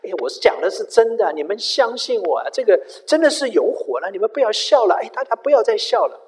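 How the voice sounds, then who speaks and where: A man voicing a male theatre manager who keeps urging the crowd to stay calm, in a pleading, reassuring way. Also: high-pitched, fast talker, pitched above the performer's own voice. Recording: echoey hall with long reverb.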